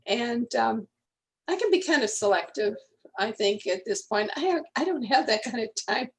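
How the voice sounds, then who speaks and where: A woman's voice: on the high side, animated, moderate pace, slight background noise. A woman, a guest telling rambling stories in casual conversation. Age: 80s. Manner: chatty, rambling storyteller.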